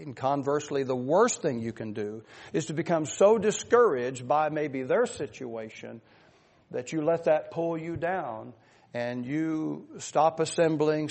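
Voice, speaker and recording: A man's voice: medium pitch, creaky, darkish tone. A man preaching a sermon, telling stories earnestly and then exhorting his listeners. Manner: earnest storytelling, pleading and exhorting.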